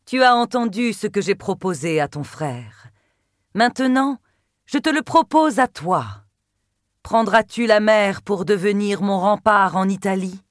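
A woman's voice: medium pitch, animated, measured pace, no room sound, clean studio sound, close to an everyday voice. A woman voicing a proud, cold, furious goddess in an audiobook, speaking in a cutting, imperious way. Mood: coaxing. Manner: cutting, imperious, spits words. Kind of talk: audiobook character voice.

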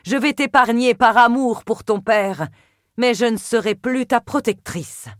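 A woman's voice: a little high, unhurried, dry recording, clean studio sound, pitched above the performer's own voice, lightly acted. A woman voicing a proud, cold, furious goddess in an audiobook, speaking in a cutting, imperious way. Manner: cutting, imperious, spits words. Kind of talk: audiobook character voice.

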